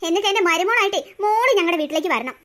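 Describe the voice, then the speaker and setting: A woman's voice: extremely high pitch, lively intonation, rapid-fire, a bit bright. A woman voicing a scheming, spiteful old grandmother in a cartoon story, with a scornful, scolding manner. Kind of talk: cartoon voice acting.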